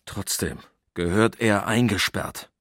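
A man's voice: fairly low pitch, slow pace, no room sound, clean studio sound. Man doing an indignant, irritated clerk. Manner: sharp, agitated questioning.

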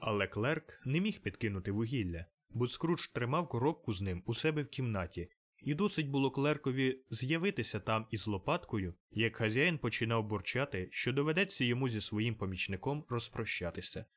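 A man narrates a classic tale in scripted audiobook style. His voice sits at a middle pitch, measured and even.

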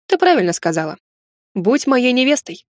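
Woman doing a calm, teasing young lecturer man. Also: a little high, normal speed, no echo. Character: confident young male university lecturer, dry and teasing.

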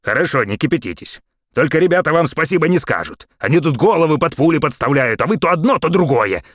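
A man voicing a gruff, exasperated male crew boss who barks back over the radio, in an audiobook. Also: a little high, animated, fast talker, a bit bright, no room sound, studio quality, pitched above the performer's own voice. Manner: gruff, barking.

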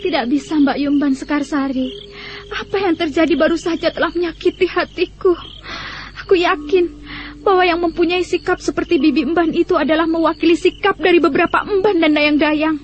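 An actress playing a haughty, vain and spiteful young royal concubine with proud, biting delivery in a radio melodrama. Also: female voice, very high-pitched, fairly even intonation, fairly quick, slight background noise. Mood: aggrieved, vindictive. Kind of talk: melodramatic radio drama acting. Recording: muffled radio drama, music behind.

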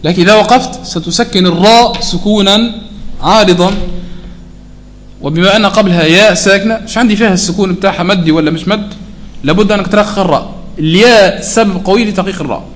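A man with a high voice teaches a Quran recitation lesson. He explains the rules conversationally, slows right down to chant each example, and keeps asking his students whether it is clear. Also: fairly bright tone. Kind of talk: tajweed lesson.

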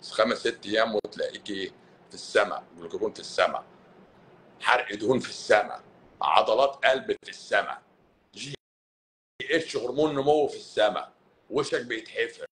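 A middle-aged man with an Egyptian Arabic accent, a doctor talking in a casual, sarcastic live-stream monologue. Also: mid-range voice. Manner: sarcastic, mocking, animated.

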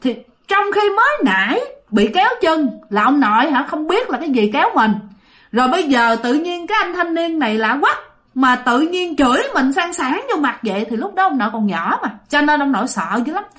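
A woman's voice: high voice, brisk. A woman telling a ghost story, repeating phrases and speaking directly to her listeners. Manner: lively, repetitive telling, addresses listeners directly.

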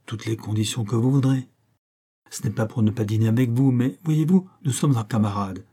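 A man reading the part of a cheeky, shrewd young actor turned detective, in a wry, easy-going way and a dark, husky voice. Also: medium pitch, moderate pace, natural voice.

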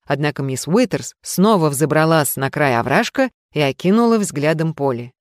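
A narrator giving a measured audiobook reading of a detective story. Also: mid-range voice, expressive, dry recording, studio quality.

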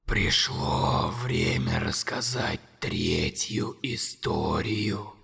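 A man voicing a huge ancient walking tree monster in an audiobook, its deep gravelly voice distant and echoing with long reverb. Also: wildly swooping pitch, fairly bright tone, exaggerated voice. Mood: solemn. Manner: slow, drawn-out solemn announcement. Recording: long hall reverb, voice set far from the mic.

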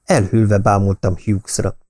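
A man reading an audiobook, telling a first-person story in a steady manner. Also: on the low side. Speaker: audiobook narrator.

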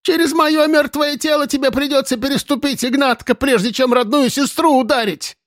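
A fierce old village woman, put on by a man reading a storybook aloud, scolds in a very high, thin voice. She is indignant and protective. The sound is close and dry. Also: steady tone, moderate pace, fairly bright tone, no echo. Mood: scolding. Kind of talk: audiobook character voice.

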